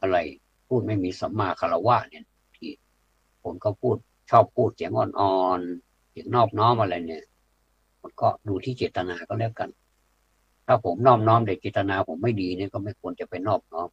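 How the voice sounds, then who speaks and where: A man's voice: fairly low pitch, normal speed, breathy edge, no echo. A man giving a plain-spoken, blunt public talk to an audience, hesitating often with fillers. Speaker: speaker addressing a community audience. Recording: dull lo-fi dry recording.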